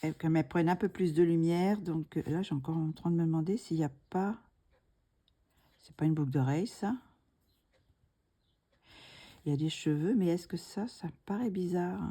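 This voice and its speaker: A middle-aged woman narrating a coloring tutorial, slow and soft-spoken, thinking aloud and often dropping to a whisper. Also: fairly low pitch, husky.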